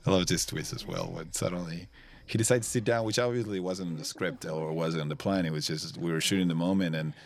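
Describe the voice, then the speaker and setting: Very deep-voiced man giving casual film commentary. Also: fairly even intonation, fast, gravelly.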